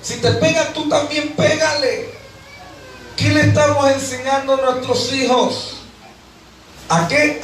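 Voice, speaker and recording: A Mexican man preaching a sermon as a pastor, lively, acting out the voices of everyday people. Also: extremely high pitch, a little hiss or hum. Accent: Mexican Spanish. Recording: echoey hall, voice from far off.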